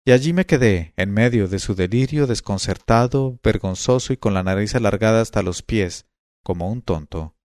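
A man narrating a classic tale in the first person, in a measured, unhurried reading style. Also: on the low side, a little mellow, dry recording, clean studio sound. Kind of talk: storybook reading.

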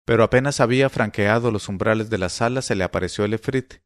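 A man narrating a classic tale as an audiobook, in a measured storytelling reading. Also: fairly low pitch, dry recording, clean studio sound.

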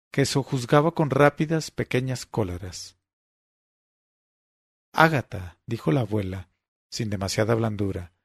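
A man reading a literary story aloud in a measured, deliberate way. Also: medium pitch, gravelly, a little mellow, husky, dry recording, studio quality. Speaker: narrator. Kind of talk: literary audiobook narration.

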